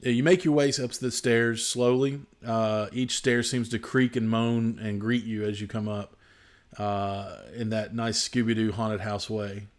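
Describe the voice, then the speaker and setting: A man narrating as game master of a tabletop role-playing game, descriptive and unhurried, with frequent fillers. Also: fairly low pitch, flat delivery.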